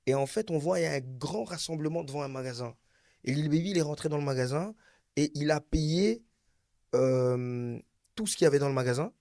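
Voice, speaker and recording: A young man from Brussels, Belgium, launches into a wild story during a casual chat, speaking briskly in a slightly high voice. His delivery is animated and slangy, full of repetition to hammer points home. It's recorded close and dry, with no room sound.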